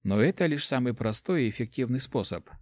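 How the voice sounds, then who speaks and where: Soft young heroine of a fantasy audiobook, calm and explaining, as a male narrator reads her in a slightly raised voice. Dry, close sound. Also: mid-range voice, brisk, no echo, close to an everyday voice. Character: young woman, gentle apprentice assassin.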